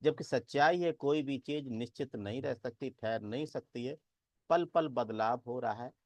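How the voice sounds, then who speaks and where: A man giving a Buddhist dharma talk, deliberate, chanting verses and asking rhetorical questions. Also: medium pitch, darkish tone, no echo. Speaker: Buddhist teacher.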